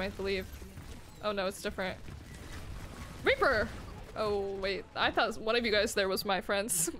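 A young woman streaming a shooter game, chatting casually, swearing and getting excited about plays. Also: mid-range voice, slight background noise. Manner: excitable, swears, laughs and gasps often. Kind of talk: casual gaming chat.

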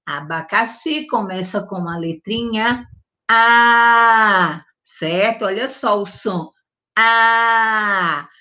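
A woman teacher giving a gentle vowel lesson to young children, drawing out each sound and often checking in with the class. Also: mid-range voice, animated. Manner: slow, drawn-out enunciation with diminutives and check-ins; stresses and stretches the vowel sounds loudly. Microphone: close mic, online class recording.

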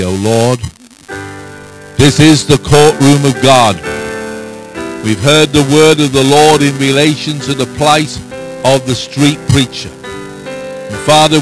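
A middle-aged man preaching and reading out a summary in solemn, declamatory, measured phrases, on a handheld microphone. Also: mid-range voice, low-quality recording. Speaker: preacher and prayer meeting leader. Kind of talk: sermon, reading out a prepared summary. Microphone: handheld microphone held close.

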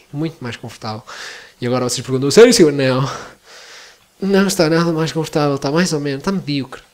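A young man with a European Portuguese accent rattles off rambling, playful commentary over his gameplay at a quick clip. His voice sits a little high, and he teases and swears at his viewers as he talks. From Porto, Portugal. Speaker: gaming YouTuber. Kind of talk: casual Let's Play commentary.

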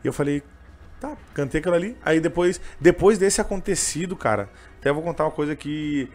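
A young man with a gaúcho accent talks quickly in a voice pitched a little high. He tells his story in a casual interview, rambling and emotional, with many fillers. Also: animated, darkish tone. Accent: gaúcho Portuguese. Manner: emotional, rambling, full of fillers like "cara" and "bah". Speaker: interviewee, train vendor and singer.

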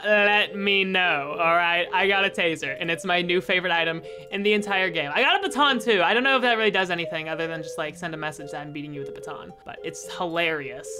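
High-voiced man doing goofy game commentary. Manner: goofy, rambling, restarts words often. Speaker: gaming YouTuber. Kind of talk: joking gameplay commentary. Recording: game music behind the voice.

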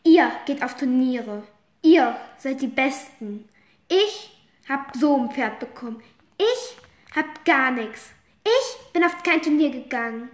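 A woman's voice: high-pitched, animated, takes it slowly, reverberant. A woman voicing a jealous, upset teenage girl rider in a horse game role-play, talking plaintively.

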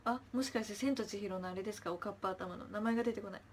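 A young woman, an idol, chatting casually on a livestream, reading viewer comments aloud, chirping thanks and trailing off into soft murmurs. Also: mid-range voice, racing, a little hiss or hum.

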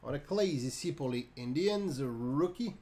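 A man's voice: fairly high pitch, animated, a little slow, mellow. A man with a Quebec French accent hosting a live card break, calling out each card in a chatty way, laughing and joking with viewers. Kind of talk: live card-opening commentary.

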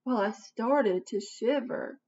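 Her voice fairly high, slow, darkish, and a little breathy, a woman in her thirties reads a children's book with dramatic expression, quizzing young listeners the way a teacher would. She records indoors in a small home office on a computer webcam set at desk distance, so the audio sounds dull and distant.

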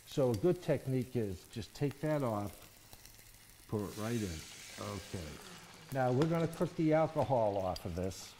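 Mellow-voiced chef teaching a cooking lesson. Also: male voice, medium pitch, lively intonation, normal speed, a little hiss or hum, rough recording. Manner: explanatory, checks in with "okay?" and "all right?". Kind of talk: cooking demonstration. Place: studio kitchen set, indoors.

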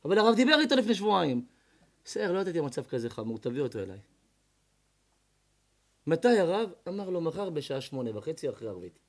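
A male rabbi telling a story in a sermon, acting out each character's lines and swinging from loud to hushed. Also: fairly high pitch, sing-song, pauses often. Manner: dramatic, voicing characters in the tales with big swings in loudness. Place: evening lecture before an audience.

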